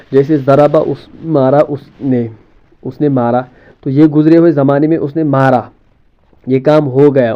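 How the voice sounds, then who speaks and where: A man's voice: mid-range voice, lo-fi sound. A man teaching a grammar lesson, explaining terms step by step, asking questions and answering them himself, often repeating words and mixing in English terms. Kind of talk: classroom-style lesson explanation.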